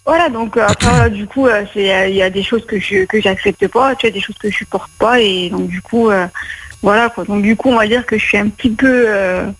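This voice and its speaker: A woman's voice: mid-range voice, brisk, breathy edge, poor audio. A woman calling in to a radio show, rambling and giggling, full of fillers. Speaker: caller. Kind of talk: casual chat on call-in radio.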